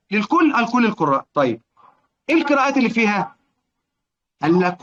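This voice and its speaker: Egyptian man, high voice, recitation teacher, repeats and checks in with listeners, slightly dull lo-fi sound. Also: fairly bright tone. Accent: Egyptian Arabic. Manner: repetitive, quizzing listeners, chants verse slowly. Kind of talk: explanatory lesson on Quranic reading rules.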